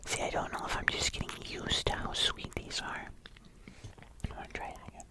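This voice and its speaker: The voice is a soft, fully whispered ASMR delivery, airy and unvoiced throughout. The host talks casually and a little hesitantly, as if chatting through a tasting video. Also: fairly quick. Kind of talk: whispered ASMR taste-test vlog.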